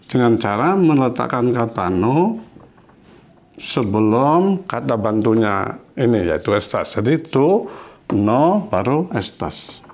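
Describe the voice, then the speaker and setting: A man teaching a Spanish lesson in a classroom. He explains slowly and patiently and repeats each example. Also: mid-range voice, big pitch swings, darkish tone.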